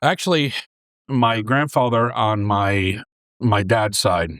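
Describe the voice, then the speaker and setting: A man from New York in his forties, a deli owner and former English teacher, telling his story in a relaxed, rambling way on a close podcast mic. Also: fairly low pitch, slow, no echo. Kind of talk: casual interview storytelling.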